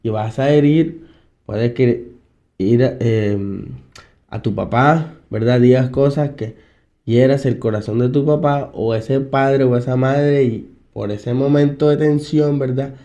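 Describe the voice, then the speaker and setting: A man's voice: mid-range voice, takes it slowly, mellow. A man, a psychologist, giving a casual talk on family life, speaking conversationally, putting questions to his listeners and chuckling now and then. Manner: conversational, asks the audience questions, chuckles often. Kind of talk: casual motivational talk to an audience.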